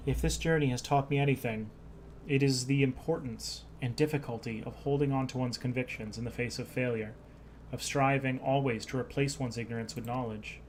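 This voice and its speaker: A man's voice: medium pitch, steady tone, fairly quick, a little hiss or hum, natural voice, poor audio. A man reading aloud the lines of an earnest young male noble scholar from a game, in a plain voice with small stumbles.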